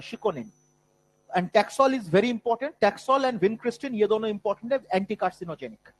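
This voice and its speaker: A man with a high voice lectures a biology class in that carries an influence. He switches freely into English for the terms and keeps calling his students "beta". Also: a little mellow, poor audio. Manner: mixes Hindi and English, calls students "beta". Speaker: biology teacher.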